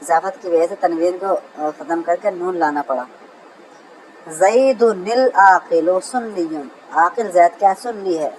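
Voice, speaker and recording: A man teaching Arabic grammar in a lecture, who keeps calling his listeners brother, reads example sentences slowly and answers his own questions. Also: on the high side, slight background noise, low-quality recording. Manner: asks a question and answers it himself. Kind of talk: classroom lecture.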